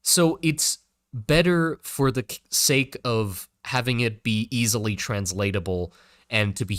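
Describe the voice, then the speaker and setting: Hesitant low-voiced man streaming casually. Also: no echo, studio quality. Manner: rambling, hesitant, many filler words and restarts. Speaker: livestream host. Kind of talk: casual livestream chat.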